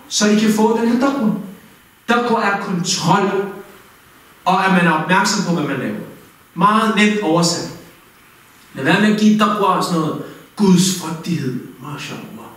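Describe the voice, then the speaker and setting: A man giving a lively, direct mosque talk as an Islamic teacher, asking his listeners questions. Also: sits high. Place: mosque hall. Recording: very echoey hall, mic far off.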